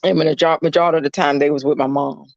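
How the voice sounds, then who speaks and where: A man's voice: on the high side, fairly even intonation, fast, gravelly, no echo, lo-fi sound. A middle-aged man, a caregiver chatting casually on a livestream. He rambles, fills his talk with "you know" and greets viewers by name. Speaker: caregiver streaming live. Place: indoors at a client's home.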